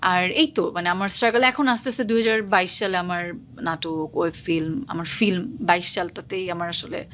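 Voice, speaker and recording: A young woman, an actress, talking quickly and casually in an interview, dropping English words into her speech. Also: fairly low pitch, steady tone, fairly bright tone, a little hiss or hum. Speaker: actress guest.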